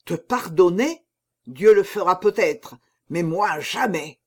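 Casting: a man playing a merciless avenger posing as a monk, stern, slow and high-voiced in a storybook reading. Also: expressive. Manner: cold, stern, unforgiving. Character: vengeful young man disguised as a monk, merciless.

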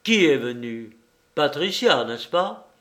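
A man voicing a cool, ironic gentleman hero. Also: on the high side, very animated, takes it slowly, exaggerated voice. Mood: stern questioning. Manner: firm, sardonic, raised voice. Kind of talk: audiobook reading.

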